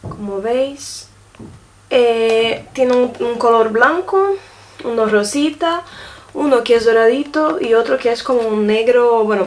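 A woman's voice: fairly high pitch, slight background noise. A woman casually reviewing makeup gifts, showing each item to the camera and often checking in with her viewers. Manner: chatty, often checks in with a quick question tag; shows items to the camera while talking. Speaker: beauty vlogger.

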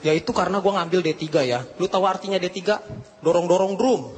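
Comic with a raised voice. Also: male voice, sits high, quick pace. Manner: slangy Jakarta banter, self-mocking punchlines. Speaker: stand-up comedian. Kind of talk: stand-up comedy routine. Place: TV studio stage before a live audience. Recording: TV broadcast with crowd and noise.

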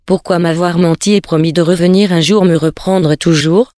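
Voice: mid-range voice, fairly even intonation, normal speed, dark tone, no room sound, clean studio sound, close to an everyday voice. A reader voicing a wronged, ailing young Bedouin woman who pleads and then hurls accusing questions, in a storybook reading.

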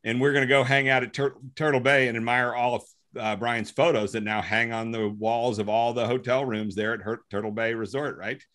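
A man's voice: medium pitch, fairly even intonation, a little fast, fairly bright tone. A man hosting a casual conversation, upbeat as he wraps things up and thanks his guests. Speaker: host.

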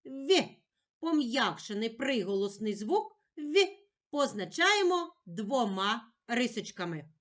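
Woman, patient children's teacher; slow, lively higher voice. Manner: sounds words out slowly, in a patient, singsong way. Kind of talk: slow lesson for young children.

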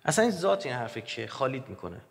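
Lively male lecturer in a reverberant hall. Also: mid-range voice, creaky. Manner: animated, joking, swings between loud and quiet. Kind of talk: religious lecture.

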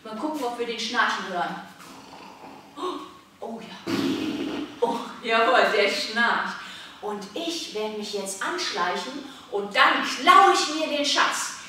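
A woman teaching a lively martial arts lesson to small children, asking questions and answering them herself. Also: a little high, a little slow, far from the mic. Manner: animated, asks questions and answers them, shouts examples. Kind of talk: children's online workout lesson. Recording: roomy echo, voice from the mic.

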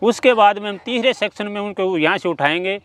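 Outdoors on a farm among clucking and crowing chickens, a middle-aged poultry farmer earnestly explains his work step by step in an interview. His high-pitched, slightly bright voice is fairly quick, caught by a handheld mic at mid distance with no echo.

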